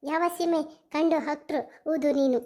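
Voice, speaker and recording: A performer voicing a shrill hot-tempered village girl. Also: steady tone, normal speed, dark tone, close to an everyday voice. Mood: angry scolding. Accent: Mysore Kannada. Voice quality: very high, shrill, scolding. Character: young village woman, sharp-tongued and hot-tempered.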